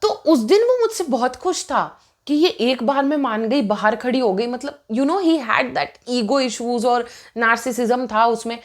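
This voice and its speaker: A woman's voice: fairly high pitch, unhurried, hardly any pauses. A woman in her twenties casually telling a personal story to camera, chatty and indignant, switching between Hindi and English mid-sentence.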